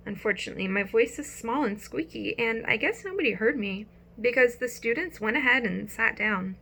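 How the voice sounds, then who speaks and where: A woman narrating a children's audiobook with expressive storytelling. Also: on the high side, moderate pace, breathy edge.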